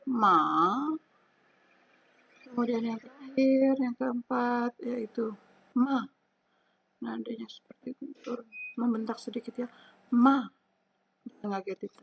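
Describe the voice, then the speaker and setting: Woman teacher, husky higher voice, patient step-by-step lesson, dull lo-fi sound. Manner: slow and patient, drawing out example syllables. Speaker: Mandarin teacher. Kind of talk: online beginner lesson.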